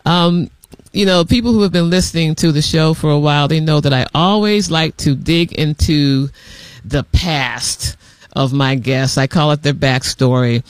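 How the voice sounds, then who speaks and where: High-voiced upbeat radio host. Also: male voice, normal speed, clear, resonant tone, no room sound. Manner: enthusiastic, friendly interviewer. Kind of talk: college radio interview.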